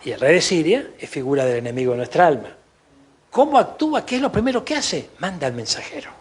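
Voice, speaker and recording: An Argentine pastor delivers an emphatic sermon, tossing in asides of praise as he goes. His voice sits a little high for a man and carries a husky edge. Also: big pitch swings, fast talker. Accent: Argentine Spanish. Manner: emphatic preaching, frequent "¿no?" and "gloria a Dios" asides.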